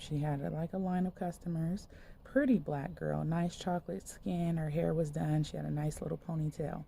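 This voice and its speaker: Low gravelly woman preaching casually. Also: mellow, slight background noise. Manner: conversational, loose, many fillers like "like". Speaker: minister sharing a dream. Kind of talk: casual spoken sermon, retelling a dream.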